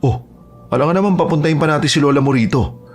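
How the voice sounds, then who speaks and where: A man playing a steady aswang hunter in a horror audio story, calm and firm, over faint music. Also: fairly high pitch, fast, lightly acted.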